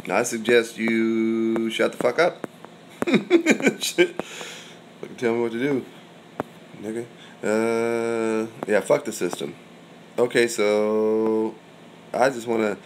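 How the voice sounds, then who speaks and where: A young man hosting a casual livestream, reading viewer comments aloud and answering in a profane, rambling way, swinging between loud and mumbled. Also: medium pitch, takes it slowly, pauses often, a little hiss or hum. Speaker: livestream host.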